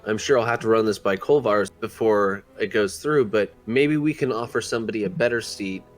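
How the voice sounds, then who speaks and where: A man's voice: on the low side, fairly quick, faint music behind. A man speaking in character as a player in a tabletop role-playing game, hesitant and full of fillers.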